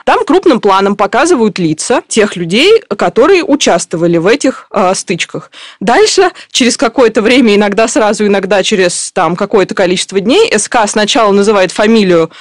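A woman's voice: medium pitch, lively intonation, fairly quick, no echo, studio quality. A woman reporter explaining events in a news discussion at length, with many fillers and restarts.

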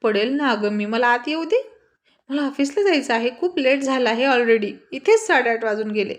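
A woman's voice: on the high side, expressive, normal speed, close to an everyday voice. A woman voicing a flustered young man who stammers and pleads in a spoken storybook. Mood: pleading.

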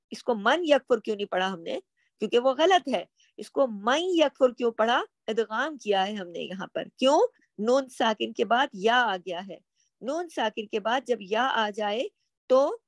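A woman's voice: a little high, dry recording. A woman teaching Quran recitation rules, stretching out example words and then explaining them.

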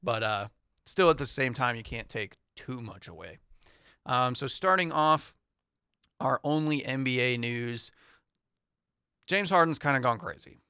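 A young man hosting a casual sports talk show, rambling and thinking aloud with fillers in a small studio on a boom mic. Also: animated, measured pace, long pauses, pushed and bright, smooth, no echo. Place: small studio with foam panels. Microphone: studio mic on boom arm, headphones.

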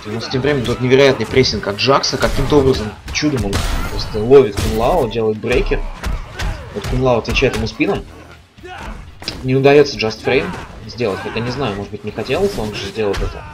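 A man's voice: medium pitch, brisk. A man giving live commentary on a fighting game stream, as a stream commentator. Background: game music and sound.

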